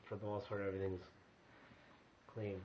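A man's voice: on the low side, monotone, normal speed. A man in his twenties, drunk and half asleep, rambling in slurred, drowsy sleep talk while lying in a small room. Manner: drunken sleep talking, rambling with eyes closed. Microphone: handheld camera close by. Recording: muffled home camcorder audio, hissy, clicks.

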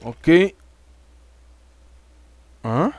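A man's voice: a little high, lively intonation, extremely slow, a little mellow, dry recording, faint music behind. A man with a Mexican accent giving casual let's-play commentary, chatting straight to his viewers and swearing freely. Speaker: gaming YouTuber.

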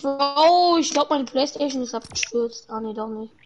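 A woman's voice: sits high, normal speed. A young woman casually chatting and joking with a friend while livestreaming a console game. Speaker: livestream host. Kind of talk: casual gaming stream chat.

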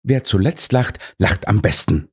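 A man voicing a gentle male doctor who speaks in a hushed, whispering way. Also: on the low side, expressive, measured pace, breathy edge, heavily acted.

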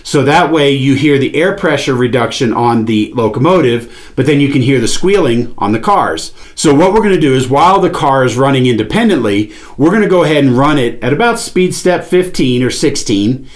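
In a small studio with a padded panel wall, a man in his forties sits at a table and explains a product step by step. He speaks at normal speed with lively intonation and a medium pitch, hardly pausing at all.

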